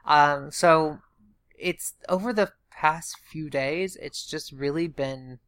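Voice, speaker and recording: A woman chatting casually in a halting, self-deprecating way, her speech slightly impeded as if her mouth is sore after surgery. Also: low voice, no room sound. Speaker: vlogger recounting surgery recovery. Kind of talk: casual chat, personal video diary.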